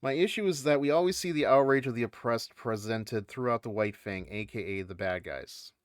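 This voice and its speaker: A man's voice: mid-range voice, a little fast, dry recording. A man chatting casually as a video game streamer, rambling and hesitant as he gives live commentary.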